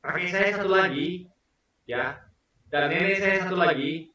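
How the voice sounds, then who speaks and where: A man's voice: high-pitched, measured pace, sharp tone, heavy reverb, recorded from a distance, rough recording. A man in his forties from Indonesia, talking earnestly to camera in a casual vlog, stressing and repeating his points. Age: 40s. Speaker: vlogger. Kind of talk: casual spoken commentary to camera.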